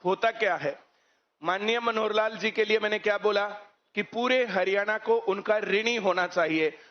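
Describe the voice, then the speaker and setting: High-voiced man lecturing. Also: moderate pace. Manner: lecturing, rhetorical questions. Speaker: coaching teacher. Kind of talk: speech to students. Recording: muffled lo-fi recording.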